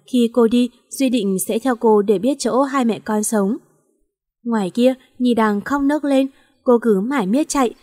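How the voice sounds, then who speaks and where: A woman tells a tearful melodrama in a sorrowful, emotional narration. Her voice sits somewhat high, and a long hall reverb trails after it. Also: darkish tone.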